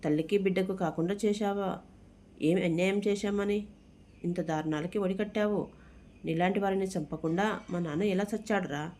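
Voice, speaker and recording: A storybook narrator voicing a hot-tempered young man who shouts in outrage, in a mellow, dark voice. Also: medium pitch, fairly even intonation, normal speed, lightly acted. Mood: outraged.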